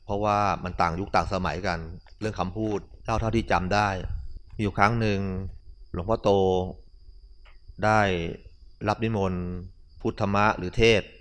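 Male monk, fairly low voice; relaxed, conversational dharma-talk storyteller. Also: moderate pace. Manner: relaxed, conversational, with colloquial asides. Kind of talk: casual storytelling sermon.

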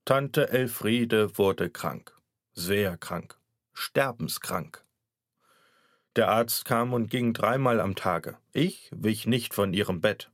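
A man reads a satirical story aloud in a wry, theatrical manner. His voice sits fairly low, and the recording is dry and close, with no room sound. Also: takes it slowly, no echo. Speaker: audiobook reader. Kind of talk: scripted narration.

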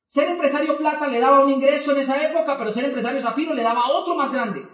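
A man with a strikingly high voice tells a lively story to an audience, switching between himself and the people he talks to. He sounds distant, the sound is muffled and dull, and a large hall echoes around him. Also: fast. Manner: animated, acts out both sides of dialogues. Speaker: motivational speaker.

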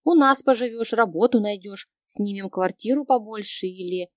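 A woman's voice: mid-range voice, moderate pace, a little mellow, no room sound, studio quality, lightly acted. A woman voicing a brash young female friend who snaps back bluntly, in an audiobook reading. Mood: defensive. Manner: snapping, blunt.

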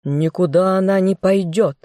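A woman voicing a stern male general and dark mage, fierce and commanding. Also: fairly low pitch, normal speed, no echo, studio quality, close to an everyday voice. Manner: commanding, furious.

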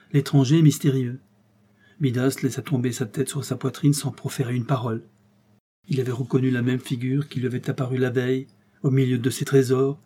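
A man reading a classic tale aloud as an audiobook narrator, measured and expressive. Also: mid-range voice, breathy edge.

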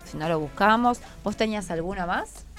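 A woman with a Buenos Aires Spanish accent hosts a conversational radio interview with schoolchildren, nudging and encouraging them with short questions. Her voice is medium-pitched, fairly quick and a bit bright, with music playing underneath.

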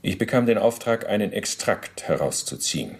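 In a radio play, a former officer gives testimony in a low voice heavy with fry. His account is precise and bureaucratic, delivered matter-of-factly as he justifies himself, with lively intonation at a normal pace.

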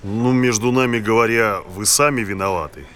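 Man as low-voiced sardonic police captain. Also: moderate pace, a bit bright, slight background noise, natural voice. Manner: teasing, sardonic. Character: cocky, sardonic male police captain, feared troublemaker. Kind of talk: audio drama acting.

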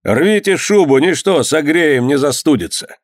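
A man voicing a hot-tempered merchant lord who shouts gruffly and mocks his enemies. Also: on the high side, lively intonation, measured pace, dry recording, clean studio sound, voice pushed up. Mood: mocking.

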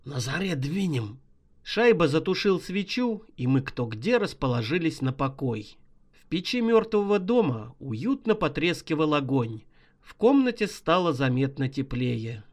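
A man narrates a horror story with a mid-high voice. His pitch rises and falls animatedly, and he tells it in a dramatic, vivid way. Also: big pitch swings, a little slow. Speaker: audiobook narrator.

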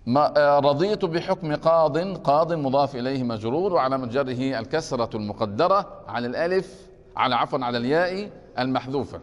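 A male teacher gives a grammar lesson at a mid-range pitch. He answers students' questions and often stops to ask whether everything is clear. A long reverb trails after his voice, as in a large lecture hall. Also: fairly quick, highs cut off. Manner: keeps asking the class if it is clear.

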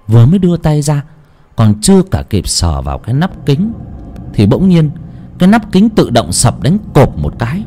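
A man narrating a ghost story dramatically, with an expressive, swooping delivery. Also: mid-range voice, slightly rough.

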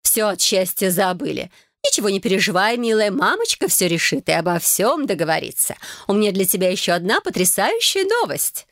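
A woman performs a bossy, gushing mother busy with wedding plans for an audiobook, using a medium-pitched, sing-song delivery at a brisk clip. The studio recording is clean with no room sound, and the character chatters away effusively, steamrolling anyone who tries to speak.

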